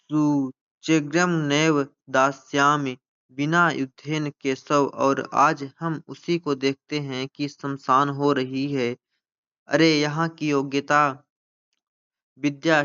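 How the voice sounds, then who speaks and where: A lamenting figure of the nation, male and grief-stricken, crying out his losses in a slow, drawn recitation from a stage play, as a male teacher reads him aloud. His voice is smooth and resonant on a slightly dull, lo-fi recording. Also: fairly high pitch, pushed and bright. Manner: slow mournful recitation of dramatic text. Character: personified India, male, grieving and lamenting.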